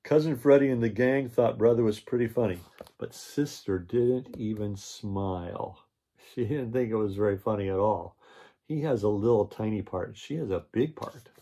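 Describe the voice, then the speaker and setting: A man's voice: on the low side, normal speed, mellow. An older man with a grandpa voice, reading a children's picture book aloud and adding explanatory asides. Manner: grandpa voice, explains and repeats story points.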